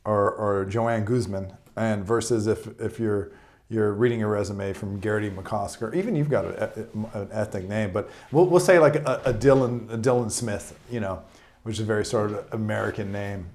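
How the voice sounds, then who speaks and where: A man's voice: lowish voice, darkish tone. A man co-hosting a podcast in loose casual chat, swearing freely and restarting his sentences often. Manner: loose, profane, halting restarts. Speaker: podcast co-host.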